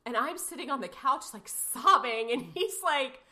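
A woman's voice: sits high, lively intonation, moderate pace, pushed and bright. A woman in her thirties telling an emotional personal story as an interview guest, rambling with many fillers and restarts.

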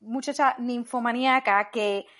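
A woman, a podcast guest chatting in an animated way and laughing easily. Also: on the high side, a little slow. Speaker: podcast guest, actress and comedian. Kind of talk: casual podcast chat.

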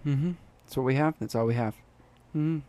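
Very deep-voiced woman co-host. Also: moderate pace, mellow. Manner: dry, teasing, short replies. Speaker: podcast co-host. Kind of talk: casual podcast chat.

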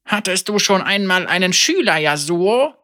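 A storybook reader voicing an elderly woman, a teacher and mother, wry, calm and gently teasing. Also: medium pitch, normal speed, voice pushed up.

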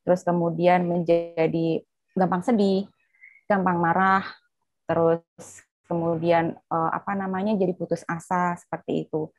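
A woman's voice: on the low side, level tone, a little slow, a little mellow, no room sound. A woman psychologist explaining to an interviewer, talking fluently with frequent "eh" fillers. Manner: fluent, with many "eh" fillers, acts out quotes. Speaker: psychologist guest.

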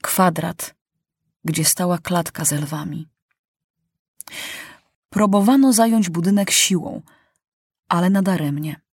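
A woman narrating a children's novel aloud in a measured, dramatic reading style. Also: lowish voice, slightly rough, dry recording, studio quality. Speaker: audiobook narrator. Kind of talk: storybook reading.

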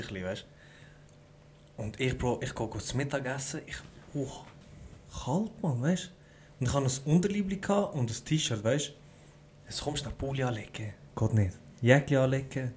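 Young Swiss-accented man, podcast host, slangy animated storyteller, faint background hiss. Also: mid-range voice. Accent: Swiss German. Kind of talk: casual chat.

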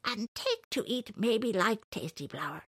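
A woman voicing a scraggy little male bird who speaks in broken, jumbled grammar, slow and coaxing. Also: medium pitch, lively intonation, a bit bright, breathy edge, no room sound, clean studio sound, pitched above the performer's own voice, heavily acted.

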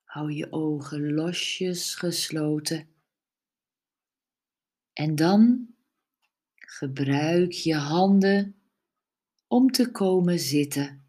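A woman leading a guided relaxation meditation, giving soft, soothing instructions with long pauses. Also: deep voice.

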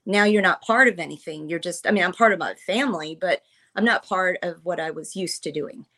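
A woman in her fifties, a military veteran guest on a podcast, telling personal stories in an earnest, emotional, halting way. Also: fairly low pitch, bright, forceful tone. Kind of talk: personal storytelling in conversation.

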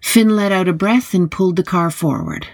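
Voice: medium pitch, lively intonation, normal speed, gravelly, no room sound. An audiobook narrator giving a scripted reading of an urban fantasy detective story, with a wry, gritty delivery.

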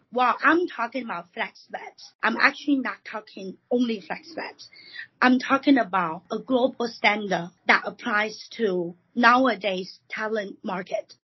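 A woman from Taiwan talks as a guest on a podcast, explaining her points at a measured pace and pausing with frequent fillers. Her voice is strongly breathy and husky. The sound is dull and lo-fi. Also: mid-range voice. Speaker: recruiting consultant guest. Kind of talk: podcast interview.

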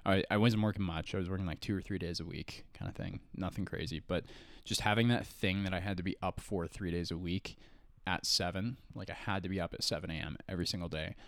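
Low-voiced guy in his early 20s, rambly podcast chat, lots of "like", dry sound. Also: steady tone, fast talker, fairly bright tone, dry recording. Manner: rambling, full of "like" and restarts. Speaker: podcast co-host. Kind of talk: casual chat.

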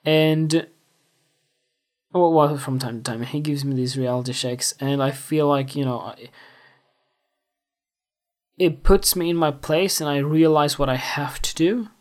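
A man's voice: on the high side, steady tone, measured pace, pauses often. Guy in his 20s, rambling podcast monologue, lots of ums and restarts. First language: Swedish. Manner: rambling, self-reflective, full of fillers. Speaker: podcast host. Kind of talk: casual solo monologue.

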